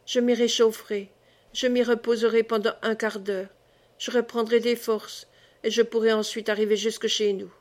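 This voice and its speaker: A woman voicing an exhausted peasant mother who pleads softly for shelter, in a storybook reading. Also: on the high side, level tone, normal speed, close to an everyday voice. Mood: weary resolve. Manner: hushed, weary pleading.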